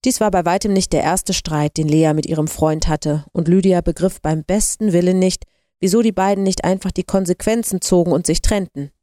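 A woman reading a story aloud in an even, measured way. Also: on the low side, no room sound, clean studio sound. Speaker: narrator. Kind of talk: audiobook narration.

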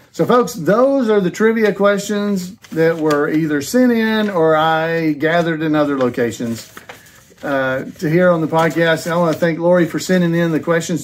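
Chatty man hosting a trivia podcast. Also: on the high side. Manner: chatty, laughs easily, reads trivia questions aloud twice. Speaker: podcast host. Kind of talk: casual podcast chat. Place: on a cruise ship.

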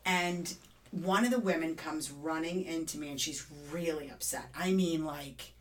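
A middle-aged woman hosting a podcast, telling an anecdote in a lively way and acting out the quotes. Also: low-pitched, measured pace. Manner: animated storyteller, acts out quotes. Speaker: podcast host. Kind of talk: casual podcast discussion.

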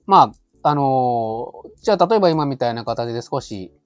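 A man's voice: mid-range voice, expressive, moderate pace, no room sound, clean studio sound. A man speaking as an expert guest, explaining advice conversationally in a polite, tentative way. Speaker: expert guest, labor consultant. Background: faint music.

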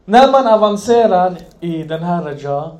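A man preaching an Islamic sermon, impassioned, swinging from loud emphasis to hushed near-whispers. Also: high-pitched, expressive.

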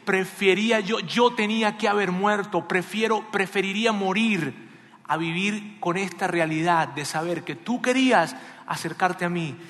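A man's voice: high voice, normal speed, voice pushed up. Preacher voicing a grieving old king, broken pleading, sermon in an echoey hall. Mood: anguished. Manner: pleading, broken, hushed to wailing. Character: grieving aging king, father mourning his son.

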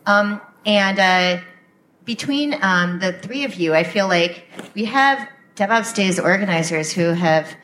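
A woman hosting a casual live podcast interview, speaking in a halting way and often restarting her sentences. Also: mid-range voice, a bit bright. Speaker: podcast host. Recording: live room recording, faint noise.

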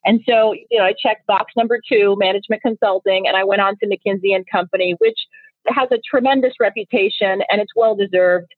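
Her mid-range voice is steady and brisk as she, a thirtysomething Nigerian founder whose first language is Igbo, takes interview questions as a guest. She sounds earnest and reflective, restarting often. The dry recording carries a tinny telephone tone.

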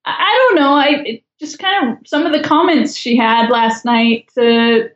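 A woman's voice: fairly high pitch, steady tone, normal speed, muffled recording. Wry chatty woman on an echoey line. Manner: wry, chatty, judgmental humor. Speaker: podcast guest. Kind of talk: casual chat.

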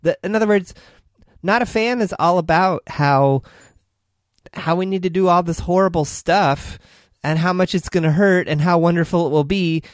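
Podcast guy jumping in to disagree, voice on the higher side, dry close recording. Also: normal speed, no room sound. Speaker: podcast co-host. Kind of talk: casual book discussion.

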